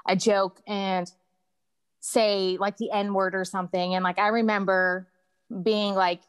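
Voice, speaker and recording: Woman, smooth voice, mid pitch, candid guest, halting casual conversational style. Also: level tone, no room sound. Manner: candid, halting, uses "like" often. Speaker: guest sharing personal experiences.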